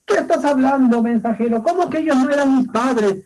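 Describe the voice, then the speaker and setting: A man teacher voicing Oedipus as a proud, anguished young king, commanding and shouting orders. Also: high voice, brisk, lightly acted, rough recording. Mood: furious.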